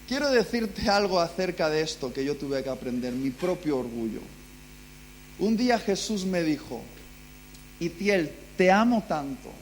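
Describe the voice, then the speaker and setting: A man's voice: high-pitched, a little hiss or hum. A man from the Basque Country preaching a live sermon in a church, telling stories dramatically and acting out cries of pain. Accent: Spanish. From Basque Country, Spain.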